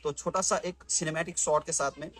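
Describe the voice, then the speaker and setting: A man in his thirties, a vlogger, chats casually while unboxing and showing off camping gear, full of fillers and restarts. His voice is fairly high and steady, a little fast. He starts indoors at home and later moves out onto an open rooftop.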